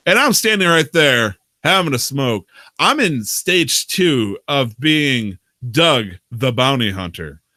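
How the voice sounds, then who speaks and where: A man's voice: mid-range voice, very animated, takes it slowly, sharp tone, no room sound, clean studio sound. A man hosting a podcast, casually telling a long, profane, rambling story about his roleplay game character, laughing often. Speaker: podcast host.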